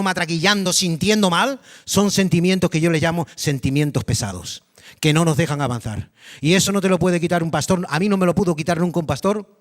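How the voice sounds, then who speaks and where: Male pastor, high voice, animated sermon delivery that quizzes the congregation. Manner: animated, dramatic storytelling with repetition; addresses the congregation directly with questions. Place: church congregation.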